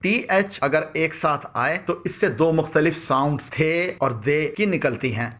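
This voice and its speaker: Man reading word lists slowly. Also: a little high, fairly bright tone. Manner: measured, reads out word lists one by one. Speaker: pronunciation teacher. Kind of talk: scripted instructional narration.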